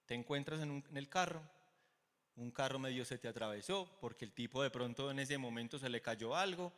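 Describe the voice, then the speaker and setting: Colombian pastor in a reverberant hall. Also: male voice, medium pitch, a little fast. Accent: Colombian Spanish. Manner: animated storytelling, acts out quoted dialogue. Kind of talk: sermon. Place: church auditorium.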